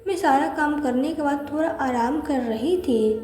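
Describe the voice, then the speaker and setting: A woman's voice: high-pitched, unhurried, dark tone, reverberant, big-room sound. A woman voicing a meek, overworked young wife who speaks timidly and pleadingly.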